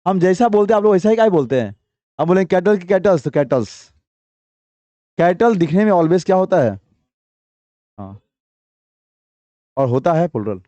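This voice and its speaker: A man teaching English grammar to a class, quizzing students with repeated questions and reading example sentences slowly before explaining them briskly. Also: high-pitched, expressive, mellow, dry recording, muffled recording.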